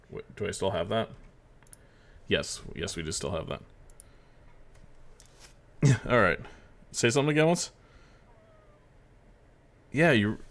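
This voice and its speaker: A man casting a live esports match, chatting in a rambling, casual way over a stream mic. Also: fairly low pitch. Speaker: esports caster.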